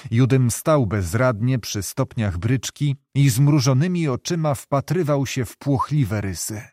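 A man narrating a classic novel in a measured, expressive storytelling voice. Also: mid-range voice, dry recording, clean studio sound. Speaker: audiobook narrator. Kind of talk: literary narration.

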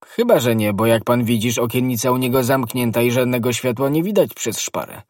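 A man's voice: mid-range voice, a little fast, no room sound, studio quality, far from the mic, pitched above the performer's own voice, natural voice. A man doing a smug, conceited shopkeeper. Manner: smug, loud. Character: conceited middle-aged male shopkeeper.

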